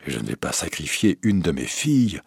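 A man's voice: extremely low pitch, sing-song, moderate pace, creaky, slightly rough, no room sound, studio quality, full character voice. A man reading a humble, frightened old merchant. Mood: pleading, sorrowful. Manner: pleading, humble. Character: poor frightened old merchant, a loving father.

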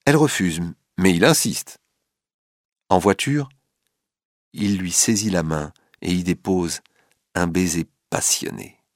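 Man, narrator, storybook reading, animated pitch, dry close recording. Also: no echo. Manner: expressive, dramatic reading.

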